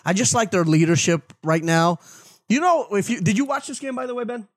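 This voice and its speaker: A man's voice: high voice, a little fast, no room sound, studio quality. A man giving casual sports commentary as a talk show panelist, repeating his points for emphasis.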